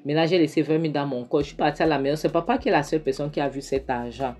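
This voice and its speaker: Woman reading a wronged young woman, whining and low-voiced. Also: racing, a little mellow, soft background music. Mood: aggrieved. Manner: aggrieved, whining. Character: young woman complaining her money vanished.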